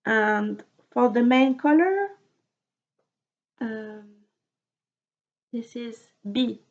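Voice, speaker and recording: A woman from France, speaking with a French accent as a native French speaker, chats about her knitting projects on her podcast in a fairly high, expressive voice. She often repeats words while searching for them, speaks haltingly with soft laughs, and the sound is dull and lo-fi.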